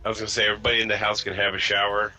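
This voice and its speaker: A man's voice: on the low side, flat delivery, racing, sharp tone, faint music behind, rough recording. A man hosting a casual podcast chat, from the US East Coast, talking bluntly and rambling through stories. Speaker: podcast host.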